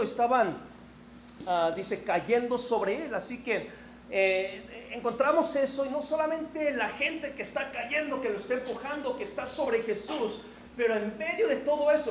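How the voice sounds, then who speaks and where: A man preaching a sermon as pastor, animated, moving between raised emphasis and a soft reflective tone. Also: very high voice, slight background noise. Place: church sanctuary. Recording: echoey church hall with faint ambience.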